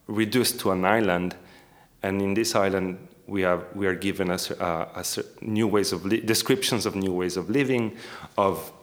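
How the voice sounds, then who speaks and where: A careful, low-voiced male academic researcher is being interviewed in a scholarly discussion. His phrasing is hesitant and precise, and he keeps rewording what he says.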